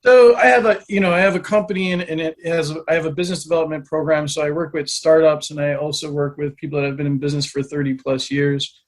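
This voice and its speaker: A man in his forties explains his advice as an interview guest, his voice sitting a little high. He rushes some phrases and drags out others, with plenty of energy. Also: fairly even intonation, rough recording. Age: 40s. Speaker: business mentor.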